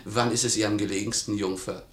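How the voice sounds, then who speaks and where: An actor playing a blunt, loyal manservant in a classic radio play, talking in a sly, insinuating way. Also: male voice, lowish voice, fairly even intonation, fast, natural voice. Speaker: servant. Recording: roomy studio echo.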